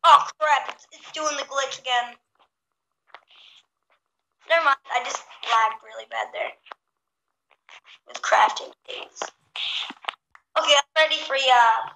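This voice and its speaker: A woman's voice: high voice, slow, gravelly, pauses often, sharp tone. Woman with echoey bathroom sound. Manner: chatty, talks to viewers. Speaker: gaming channel host. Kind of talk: casual game chat. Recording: echoey bathroom, faint noise.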